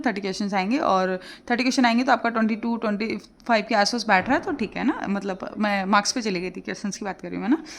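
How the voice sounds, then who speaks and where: Quick-talking woman. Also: fairly high pitch. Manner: chatty, explains casually with many fillers. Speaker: exam prep tutor. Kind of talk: casual study advice for exam aspirants.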